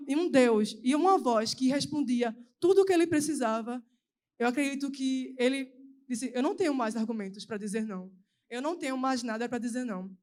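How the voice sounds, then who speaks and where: A young woman preaching at a youth service, giving an earnest, emotional personal testimony in a quick, anxious delivery. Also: sits high, darkish tone. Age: young adult.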